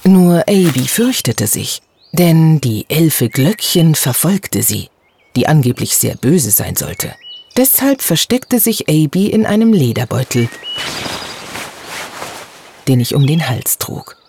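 A narrator reading a children's storybook in the first person, expressive and vivid. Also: mid-range voice, slow, creaky, slight background noise. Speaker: audiobook narrator.

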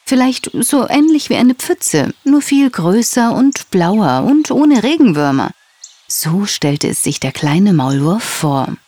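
A woman narrating a children's story in a gentle, expressive way. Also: on the low side.

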